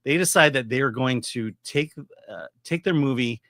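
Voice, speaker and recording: A middle-aged man giving casual movie commentary as a reviewer, explaining his opinions in a halting, opinionated way. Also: mid-range voice, fairly bright tone, dry recording, clean studio sound. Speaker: film reviewer.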